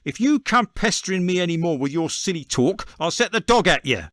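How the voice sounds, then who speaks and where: A man voicing a furious, bullying market stallholder in a storybook reading, shouting fiercely. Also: sits high, lively intonation, a little fast, no room sound, studio quality, pitched above the performer's own voice.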